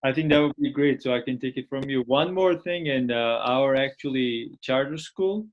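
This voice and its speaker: Brief: school staff member, hesitant delivery, muffled recording. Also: male voice, mid-range voice. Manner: halting, with many "uh" pauses. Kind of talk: informational talk to parents.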